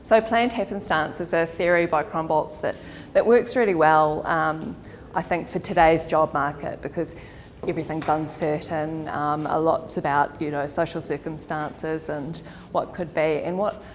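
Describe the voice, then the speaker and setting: A woman's voice: sits low, steady tone, moderate pace, hardly any pauses, a little hiss or hum. A woman with a New Zealand accent, a career counsellor giving a chatty workshop talk to an audience, laughing often. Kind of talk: informal workshop presentation. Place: meeting hall with audience. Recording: long hall reverb.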